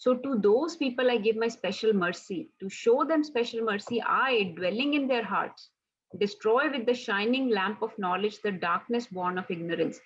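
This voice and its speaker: Woman teacher for a class, husky voice, dull lo-fi sound, chatty with frequent "right?" check-ins. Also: a little high, moderate pace. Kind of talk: casual devotional class.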